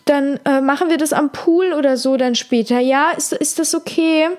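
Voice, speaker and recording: A woman's voice: high voice, moderate pace, darkish tone, pitched above the performer's own voice, close to an everyday voice. A woman voicing a mother on holiday who sweetly coaxes and pleads with her husband. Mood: coaxing. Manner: sweetly coaxing, needy.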